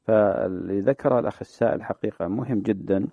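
A man, a sheikh answering religious questions on a call-in show, explaining in a measured way and drawing out the phrases he demonstrates. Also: fairly low pitch, vocal fry, no room sound. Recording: dry, phone-like narrow sound.

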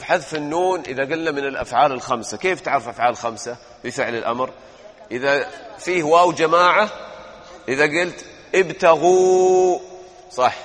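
A man's voice: medium pitch, a bit bright, long reverb tail. A male grammar teacher, drilling verb forms and quizzing his students in a classroom lesson.

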